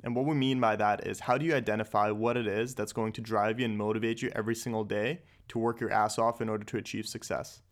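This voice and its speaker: Young guy from austria hosting a podcast, kinda low voice, loose and swearing a lot, echoey room. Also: level tone, quick pace, hardly any pauses. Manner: loose and candid, lots of "like" and swearing. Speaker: podcast host. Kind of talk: casual podcast chat.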